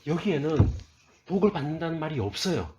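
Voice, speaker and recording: Lively, animated Korean pastor preaching. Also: male voice, fairly high pitch, a little fast. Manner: asks the listeners questions and answers them himself; reads scripture aloud in a raised, forceful voice. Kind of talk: sermon.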